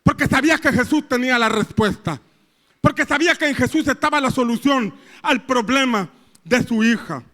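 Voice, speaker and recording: A male pastor delivers a sermon in a strikingly high voice. His tone is bright and forceful, and he drives his point home with repeated rhetorical questions, slipping into the voices of the people in the story. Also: normal speed. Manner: repetitive, rising rhetorical questions, acting out quoted voices.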